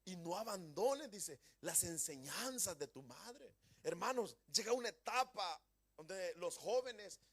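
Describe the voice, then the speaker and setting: High-voiced man preaching emphatically. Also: lively intonation, slow, fairly bright tone, breathy edge. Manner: emphatic preaching with rhetorical questions to the congregation; folksy humor. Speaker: pastor. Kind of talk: Pentecostal sermon. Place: church.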